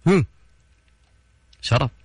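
A man hosting a radio call-in quiz, teasing callers in a rapid, playful way. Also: darkish tone, no room sound, studio quality. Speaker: radio quiz show host. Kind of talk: lively call-in radio banter. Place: radio studio. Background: background music bed.

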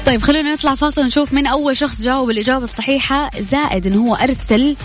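A woman's voice: sits high, racing, over music. A woman with a Saudi Hejazi accent hosting a live radio quiz, chatty and congratulatory as she announces questions, winners and prizes. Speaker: radio quiz show host. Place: radio studio with music behind.

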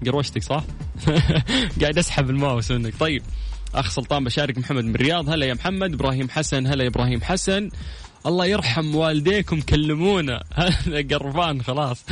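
A man's voice: fairly high pitch, soft background music. A man hosting a live call-in radio show, greeting listeners and chatting with callers. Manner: warm greetings, quick lively banter with callers. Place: radio studio.

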